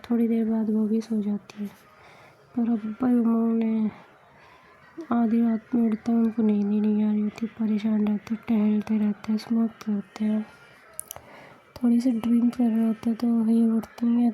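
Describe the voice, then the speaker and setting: A woman narrating a romantic story in a soft, whispered role-play, voicing every character herself. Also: a little high, slightly rough, poor audio.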